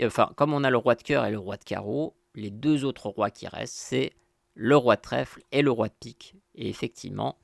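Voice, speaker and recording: A man's voice: mid-range voice, gravelly, no echo, studio quality. A man hosting his own channel, explaining bidding in a casual lesson, talking in a loose conversational way with many fillers and repeated "so here" phrases. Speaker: bridge teacher and channel host.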